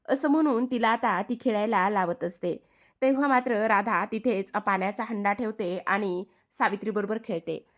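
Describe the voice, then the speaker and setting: A woman narrating a recap of a TV serial episode in a steady storytelling manner. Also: medium pitch, moderate pace.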